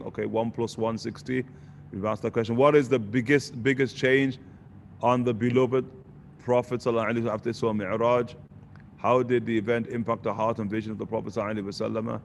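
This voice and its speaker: A man, teaching in a relaxed question-and-answer lesson and dropping Arabic phrases between points. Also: mid-range voice, slight background noise. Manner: conversational, sprinkles Arabic phrases, asks "you get the point?". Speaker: religious teacher.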